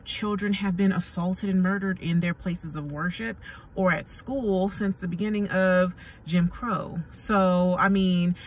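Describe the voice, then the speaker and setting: A woman's voice: on the low side, steady tone, measured pace. A middle-aged American woman giving a casual, rambling talk to camera in a blunt, slangy, conversational way. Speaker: vlogger. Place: inside a car. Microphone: phone at arm's length. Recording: distant mic, noisy car ambience.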